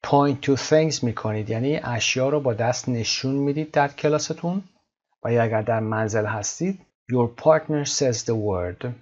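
A man teaching an English lesson from a textbook, explaining quickly and slowing right down to model each word. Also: mid-range voice, a little mellow. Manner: switches between fast explanation and slow, drawn-out model words. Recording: dull lo-fi recording.

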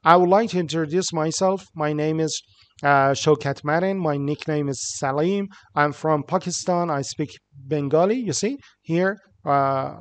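A man with a Persian accent teaching an English writing lesson. He reads each English line slowly and clearly, then translates it quickly with small fillers. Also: on the high side.

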